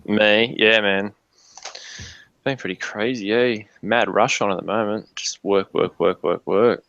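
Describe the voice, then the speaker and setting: Speaking at a measured pace, this male livestream co-host uses sweary, relaxed slang in casual chat. His pitch is fairly low, his intonation fairly even, and his tone a bit bright, captured on a muffled lo-fi mic with roomy echo.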